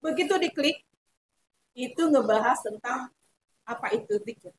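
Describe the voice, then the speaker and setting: A middle-aged woman with a Sundanese accent recounts her story in a high, lively voice. Her pitch leaps around as she acts out the people she quotes. Faint room ambience sits behind her. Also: moderate pace, slight background noise. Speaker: interview guest telling her story. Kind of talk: emotional personal testimony.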